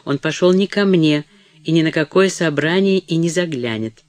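A woman's voice: low-pitched, lively intonation, normal speed, darkish tone, no echo. A male reader voicing a stiff, proud younger woman who cries out sharply between sobs in an audiobook. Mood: bitter.

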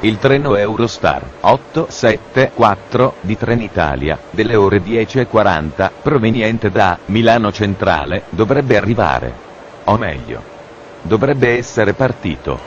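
A man making deadpan, formal mock train announcements, as if heard over a train station PA system. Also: lowish voice, unhurried, muffled recording, a little hiss or hum.

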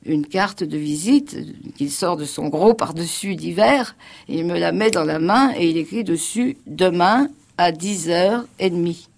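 An older woman telling her memories on the radio, halting, with many fillers and restarts, bringing others' words to life as she tells them. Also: on the low side, gravelly, darkish tone. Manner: vivid storyteller quoting others. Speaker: witness recounting her past. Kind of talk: spoken memoir on radio.

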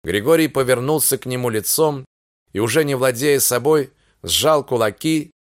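A man's voice: medium pitch, moderate pace, dry recording, studio quality. A man narrating a novel as an audiobook, telling the story expressively. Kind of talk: scripted literary narration.

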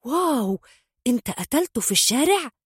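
A woman's voice: fairly low pitch, very animated, brisk, a little mellow, breathy edge, no echo, clean studio sound. A woman voicing a flamboyant, boastful young gangster man with an Egyptian accent, reading a storybook. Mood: excited. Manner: boastful, showy, eager.

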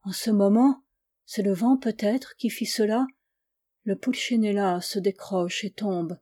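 A woman narrating a literary story as an audiobook, with expressive, dramatic delivery. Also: mid-range voice, a little slow. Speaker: audiobook reader.

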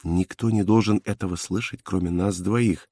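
A man voicing a quiet, restrained older man who speaks low and pleadingly in an audiobook reading. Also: steady tone, moderate pace, no echo, clean studio sound. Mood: hushed. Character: quiet, restrained older male convict-mayor.

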